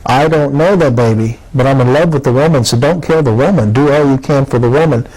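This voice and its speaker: A man's voice: mid-range voice, fairly quick, a little mellow, natural voice, rough recording. A man voicing an anxious young father who pleads urgently to save his wife. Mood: pleading.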